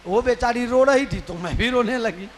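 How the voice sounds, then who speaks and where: A man's voice: very high voice, normal speed, slight background noise. A man voicing a simple-hearted queen who explains matter-of-factly. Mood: explaining.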